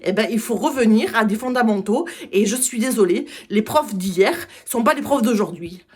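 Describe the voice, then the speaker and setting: A woman giving an opinionated campaign speech, halting with many hesitations and restarts. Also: a little high, a little mellow, breathy edge. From Italian heritage. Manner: blunt, opinionated rant. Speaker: political candidate.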